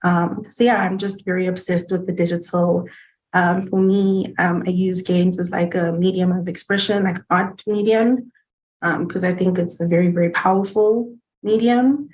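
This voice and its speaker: A woman's voice: fairly low pitch, moderate pace, a little hiss or hum, poor audio. A woman digital artist and game developer, introducing herself hesitantly on a video call. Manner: flat, hesitant, many fillers. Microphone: video call, webcam.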